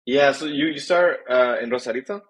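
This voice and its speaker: Young man, husky, mid pitch, rambling, casual podcast guest. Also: a little fast, rough recording. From Tijuana and San Diego. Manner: rambling with many restarts and laughs. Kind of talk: casual chat.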